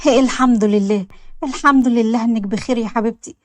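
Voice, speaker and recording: A man's voice: very high voice, fairly even intonation, quick pace, no room sound. A woman with an Egyptian accent voicing an anxious, devoted young husband who talks tenderly and pleads.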